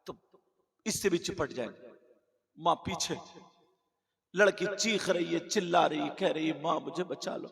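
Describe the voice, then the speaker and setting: A man's voice: a little high, vocal fry. A man preaching at a village religious gathering, telling a moral story dramatically and acting out a girl's cries. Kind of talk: sung-out Urdu sermon story. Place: open-air religious gathering. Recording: roomy loudspeaker echo, long reverb.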